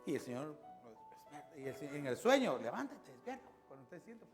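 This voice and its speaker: A male pastor preaching a conversational sermon, telling stories with lively rises and drops. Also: a little high, fairly quick. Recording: long reverb with music behind. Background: music.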